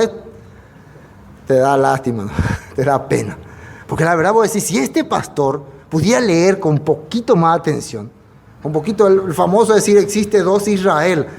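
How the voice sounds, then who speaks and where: Predicador de voz aguda. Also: male voice, high voice. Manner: reads verses slowly and emphatically, then explains in a conversational tone; speaks directly to the listener, with rhetorical questions. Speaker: preacher. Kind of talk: expository sermon, reading and explaining scripture.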